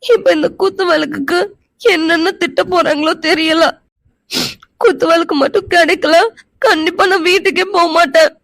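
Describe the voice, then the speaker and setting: A woman plays a feisty young cartoon woman with a very high voice who accuses and argues sharply and can break into tears. The sound is dry and close. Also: fairly even intonation, normal speed, gravelly, no echo. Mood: tearful. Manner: accusing and tearful.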